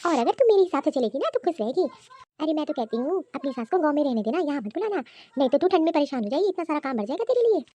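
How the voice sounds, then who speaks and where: Bossy, scheming older mother in a cartoon story, doling out gossiping advice, as a woman puts her on. The voice is high yet mellow. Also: very animated, very fast.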